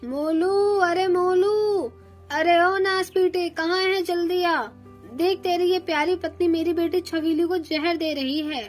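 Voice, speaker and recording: A woman's voice: high voice, level tone, unhurried, hardly any pauses, soft background music. A woman voicing a scheming old female crow, a mother-in-law who wails and scolds dramatically in a cartoon. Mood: wailing.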